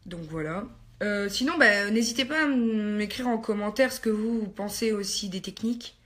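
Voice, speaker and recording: A woman's voice: mid-range voice, normal speed, fairly bright tone. A woman chatting casually to her viewers while doing her makeup, hesitant with many fillers and teasing herself in asides. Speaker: beauty vlogger. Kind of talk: casual get-ready-with-me makeup chat.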